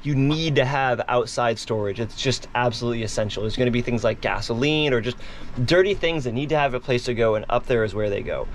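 A man of middle pitch walks viewers through the cabin of a sailboat. He is chatty and upbeat, speaking right to the audience, with a faint hiss of background noise behind him. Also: a little fast. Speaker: vlog host giving a boat tour. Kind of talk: casual guided tour.

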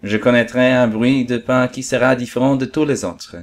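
Read by a man, a wistful male fox from a storybook speaks with patient earnestness, his pleas soft and lonely. The voice is natural, medium-pitched and steady at a normal speed.

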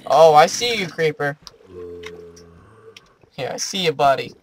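A man's voice: on the high side, lively intonation, a little slow, a little hiss or hum. Jumpy gamer guy chatting at monsters. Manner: jumpy, chatty, talks to game creatures. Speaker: gaming video host. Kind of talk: let's play commentary.

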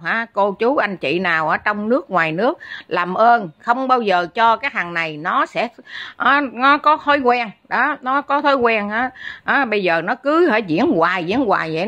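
Woman, bright sharp tone, blunt scolding rant, constant filler sounds. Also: mid-range voice, muffled recording. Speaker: online commentator. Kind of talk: angry ranting commentary.

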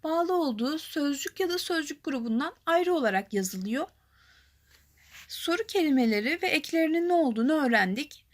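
A young woman teaching a grammar lesson, explaining calmly and clearly and reading example lines slowly. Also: high-pitched.

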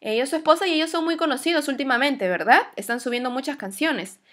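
A woman with a light, high, fairly bright voice teaches an English lesson. She speaks patiently, pausing to stretch out each model word so the class can repeat it.

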